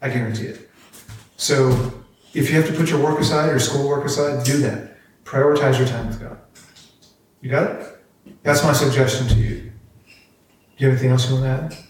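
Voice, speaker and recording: A man's voice: medium pitch, steady tone, a little fast, pauses often, far from the mic, slight background noise. A man hosting a casual faith podcast with his family, earnest and encouraging. He sits back from the microphone, and his voice rings around a very echoey room. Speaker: podcast host, father.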